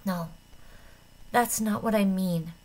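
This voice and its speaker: A woman's voice: mid-range voice, takes it slowly, a little mellow. A woman voicing a dying young woman who speaks weakly and in pain.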